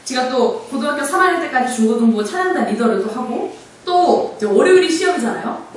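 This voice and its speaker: A young woman tells her own faith story to a hall full of listeners, animated and expressive. Her pitch is fairly high and swings widely as she talks. She is heard from some distance in a hall with heavy, booming echo. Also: slight background noise. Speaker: speaker giving a faith testimony. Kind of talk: personal testimony talk. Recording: very echoey hall from far off.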